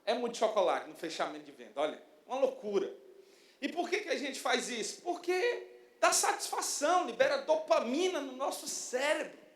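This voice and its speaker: A man in his thirties preaching a sermon as pastor, lively and storytelling, acting out little quotes. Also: very high-pitched, normal speed. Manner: animated preaching with acted-out quotes. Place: church sanctuary. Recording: echoey church hall.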